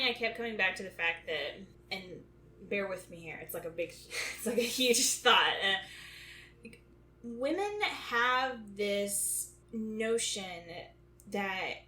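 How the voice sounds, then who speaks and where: A woman's voice: medium pitch, pushed and bright, roomy sound, slight background noise. A woman co-hosting a podcast in casual chat, thinking aloud with frequent restarts. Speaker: podcast co-host.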